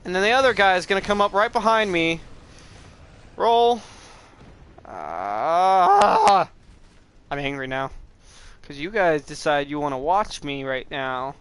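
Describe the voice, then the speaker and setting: A young man rambling through live gameplay commentary as a streamer, excitable and swearing at the game. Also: fairly high pitch, brisk, clear, resonant tone. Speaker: gaming streamer.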